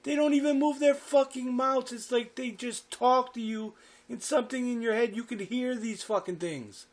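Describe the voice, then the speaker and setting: A man voicing his drunk, furious middle-aged father, ranting and swearing loudly. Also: very high voice, normal speed, voice pushed up. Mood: shouting. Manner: shouting, profane.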